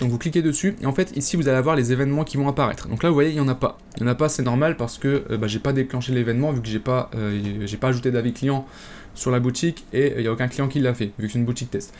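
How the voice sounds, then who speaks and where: A man's voice: mid-range voice, a little mellow, slight background noise. A man hosting a casual screen-share tutorial, talking straight to viewers with frequent hesitations and fillers. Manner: chatty, many "euh" fillers, addresses viewers directly. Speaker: e-commerce tutorial host.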